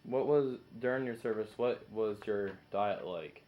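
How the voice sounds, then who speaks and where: A man's voice: lowish voice, unhurried, darkish tone. A man working as an interviewer, reading out questions. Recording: slightly dull, lo-fi sound.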